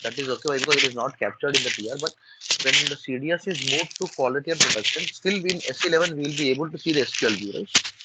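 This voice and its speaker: A man asking a hesitant question in an online class, his voice robotic and low sample rate over a video call. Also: fast. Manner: hesitant, repeats himself while asking. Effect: robotic, low sample rate call audio. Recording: lo-fi call line with loud noise.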